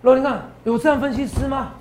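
A man with a Taiwanese Mandarin accent hosting a stock-tips show, animated and boastful, lecturing viewers like students. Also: extremely high pitch, fast talker. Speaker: stock market analyst host.

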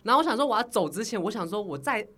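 A woman's voice: medium pitch, very fast. A woman telling stories in a casual chat, acting out the people she quotes. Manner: animated storytelling, acts out quoted people.

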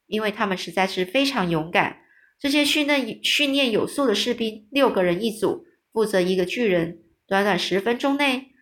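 A woman reading a children's story aloud, lively, pausing to explain hard words in plain talk. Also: mid-range voice. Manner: lively, with small restarts.

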